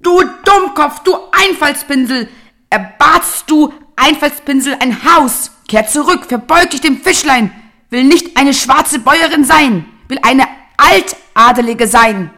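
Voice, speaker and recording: A woman's voice: high-pitched, lively intonation, unhurried, bright, forceful tone, pitched above the performer's own voice, exaggerated voice. A woman voicing a greedy, quarrelsome old peasant wife who screeches orders at her husband in a storybook reading. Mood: shrieking scolding. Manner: screeching, scolding, commanding.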